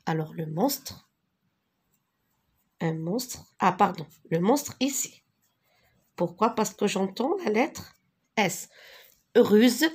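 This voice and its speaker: A woman teaching a French spelling lesson, patiently repeating each word slowly, with a few translations. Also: medium pitch, creaky, a little mellow, husky. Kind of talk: slow classroom lesson with repetitions.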